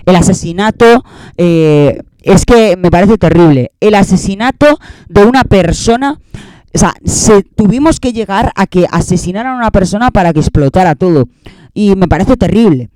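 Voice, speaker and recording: Young spanish man, smooth and slightly high. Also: animated, normal speed, a little mellow, dry recording. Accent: Spain Spanish. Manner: rambling, sarcastic, repeats himself. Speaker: host. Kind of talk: casual year-end monologue.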